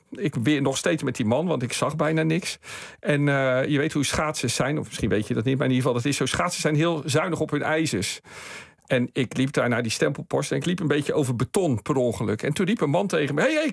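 A man with a gravelly, slightly high voice, dry and close in a radio studio. He tells his tale with life, chuckling along and putting on the voices of the people he met. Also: dry recording. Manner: lively, chuckling storyteller who acts out quoted voices. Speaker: guest telling his own story. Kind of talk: radio anecdote storytelling.

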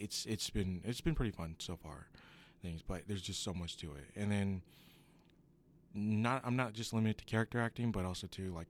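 A young man, an acting student, answering questions in a radio interview, rambling and correcting himself as he goes. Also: on the low side. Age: young adult. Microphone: studio microphone.

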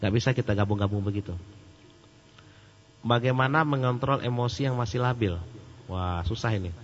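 A man giving a casual question-and-answer sermon, joking and animated. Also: mid-range voice, normal speed, big-room sound. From Sumatra. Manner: joking and animated, laughs at his own jokes. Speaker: Islamic preacher. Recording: muffled lo-fi recording with faint hum.

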